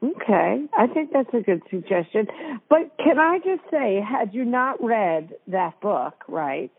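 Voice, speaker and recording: A woman hosting a casual radio interview, asking curious questions in a lively way. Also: a little high, measured pace, slightly rough. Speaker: radio host. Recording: tinny phone-line sound.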